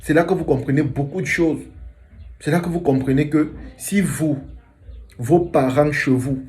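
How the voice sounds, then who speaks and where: A man's voice: a little high, moderate pace, darkish tone. A man hosting a reaction video, speaking earnestly to his viewers in an emotional, moralising commentary. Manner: earnest, preachy.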